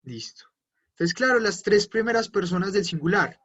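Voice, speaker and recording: Guy teaching german online, says each word slow and again, kinda high voice, dull audio. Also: expressive, a bit bright, husky. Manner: patient, repeats words slowly for students. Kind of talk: online language class.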